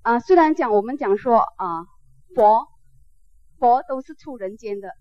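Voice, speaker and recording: A woman's voice: on the high side, animated, a little slow, no echo. Woman teaching in a conversational way. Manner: conversational, with frequent "ah" fillers and check-ins. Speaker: Buddhist teacher. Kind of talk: teaching a class on Buddhism. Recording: dull, dry lo-fi recording.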